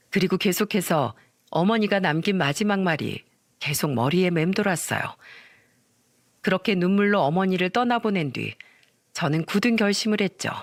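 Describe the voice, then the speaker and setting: A man's voice: high voice, no room sound, clean studio sound. A man reading a listener's story aloud as scripted, emotional narration.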